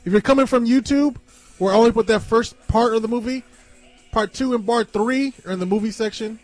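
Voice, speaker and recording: A man's voice: extremely high pitch, fairly quick, a little mellow, dry recording, faint music behind. A man co-hosting a podcast with casual, swear-heavy banter. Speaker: podcast co-host.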